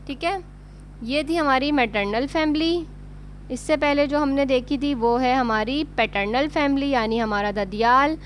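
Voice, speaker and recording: A woman's voice: high-pitched, a little slow, a little hiss or hum. A woman with a Pakistani Urdu accent teaching a beginner English lesson, patiently repeating and spelling words out letter by letter.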